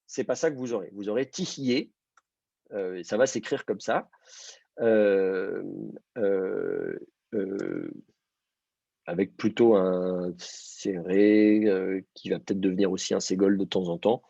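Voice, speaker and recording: A man teaching a Hebrew reading class, explaining step by step and often pausing with fillers. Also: low voice, gravelly, mellow, no room sound. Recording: dull lo-fi dry sound.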